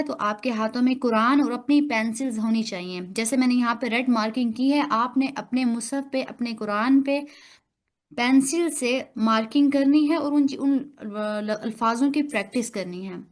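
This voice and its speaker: A woman's voice: fairly high pitch, normal speed. A woman with an Urdu accent teaching an online class over a video call, patiently correcting her students' pronunciation point by point. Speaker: online Quran recitation teacher.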